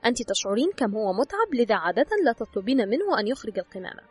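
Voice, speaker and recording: Speaking straight to her audience, a woman narrates a scripted advice book with an instructive manner. She has a breathy, somewhat high voice with very animated intonation, talks quickly, and faint music plays underneath.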